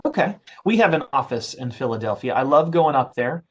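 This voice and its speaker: The recording is muffled, carrying a man's medium-pitched, slightly rough voice with big pitch swings and a fairly quick delivery. As council host and interviewer, he keeps things casual and friendly while reading out the guest's background.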